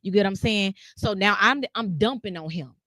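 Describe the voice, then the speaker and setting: A woman guest on a podcast speaks casually and with animation, slipping into quoted voices as she tells stories. Her voice sits mid-range in pitch. The sound is dry and close. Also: brisk, sharp tone, no echo.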